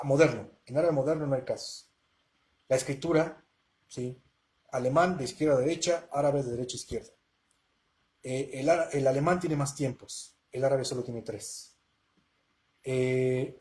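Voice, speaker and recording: Hosting a live Q&A language lesson, this man talks casually and keeps checking in with his audience using rhetorical questions. His voice is medium in pitch and slightly mellow.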